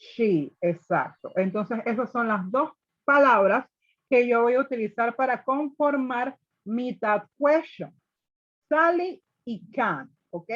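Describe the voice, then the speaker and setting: A woman teacher leads an online grammar class over a video call, her slightly high voice patient and methodical. She keeps checking in with her students. The audio is dull and lo-fi. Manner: patient, step by step, often checking with "ok?". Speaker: English teacher. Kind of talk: online class explaining grammar, mixing Spanish and English.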